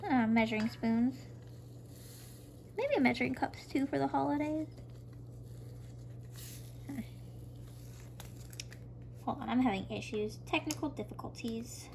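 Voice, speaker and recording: A young woman with a high-pitched, slightly mellow voice and some vocal fry narrates a cooking tutorial from her home kitchen. As a cooking vlogger, she's chatty and talks through each step aloud, and the home recording is noisy.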